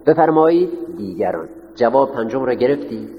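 A man's voice: medium pitch, animated, slight background noise. Male teacher lecturing in an echoing hall. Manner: questions the students and answers himself. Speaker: teacher of a class. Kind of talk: classroom lecture, dictating notes. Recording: roomy, echoing hall on dull lo-fi audio.

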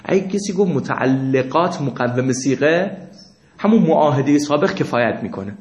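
A man's voice: mid-range voice, lively intonation, a little mellow, echoey room. A man teaching a seminary class, explaining texts and posing questions to his students and answering them himself, reading passages aloud between his explanations. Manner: reads Arabic passages aloud. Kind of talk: lecturing on Islamic jurisprudence.

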